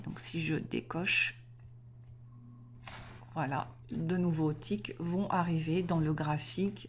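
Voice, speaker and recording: A woman explaining trading software step by step in a screen-recorded tutorial, methodical and clear, with small self-corrections. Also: medium pitch.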